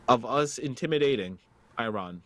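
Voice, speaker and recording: A man co-hosting a podcast, reading a news item aloud and giving measured opinions in casual political talk. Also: medium pitch, expressive. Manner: reads news aloud then comments, measured. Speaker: podcast co-host.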